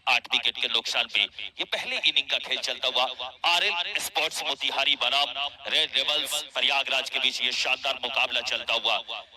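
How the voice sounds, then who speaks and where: A man giving excited live cricket commentary with drawn-out calls. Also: medium pitch, poor audio.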